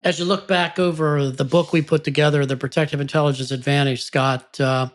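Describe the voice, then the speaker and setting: A man hosting an interview podcast, asking questions in a courteous, reflective way. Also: medium pitch. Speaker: podcast host.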